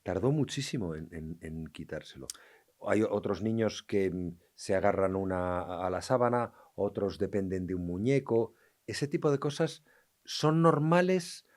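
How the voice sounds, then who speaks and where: A man's voice: low-pitched, lively intonation, unhurried, a little mellow. A man hosting an interview, asking questions in a hesitant way with fillers. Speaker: podcast host. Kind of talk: interview conversation.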